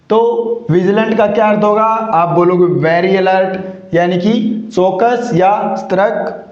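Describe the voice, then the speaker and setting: A man's voice: sits high, a little mellow. A male teacher with a Hindi accent gives a vocabulary lesson, asking rhetorical questions, answering them himself and repeating each word. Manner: keeps addressing listeners as "companions". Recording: echoey, dull lo-fi room recording.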